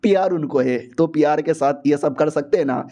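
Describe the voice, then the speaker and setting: A man's voice: fairly high pitch, normal speed, dark tone. A man telling a comic story in a casual, joking and slangy way, as host of an explainer channel.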